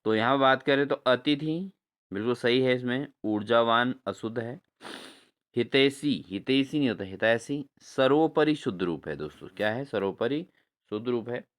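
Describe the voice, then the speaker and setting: Man, exam-prep teacher, smooth clear voice, mid pitch, quizzes viewers and spells words slowly. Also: expressive. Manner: repeats answers as questions to viewers, addresses them as friends.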